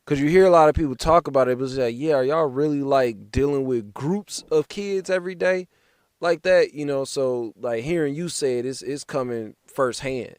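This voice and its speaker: A man hosts a casual podcast conversation in a loose, slangy style and is quick to laugh. His voice sits at an ordinary pitch and is recorded close and dry, with no room around it. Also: clear, resonant tone, dry recording. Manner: relaxed slangy banter, laughs easily. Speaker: podcast host. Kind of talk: casual chat.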